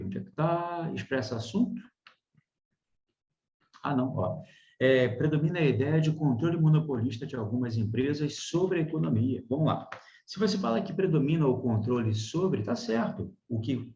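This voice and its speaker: A man's voice: medium pitch, echoey room, lo-fi sound. A man with a Brazilian Portuguese accent teaching a grammar lesson in an online class, explaining with frequent rhetorical checks. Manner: explains with many rhetorical checks, lively emphasis. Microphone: video call.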